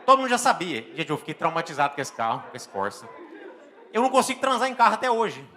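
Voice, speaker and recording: A Brazilian man with a Brazilian Portuguese accent doing stand-up comedy and telling an animated story on a live stage, with exaggerated exclamations and acted-out scenes. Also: on the high side, quick pace, a faint crowd. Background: faint audience laughter.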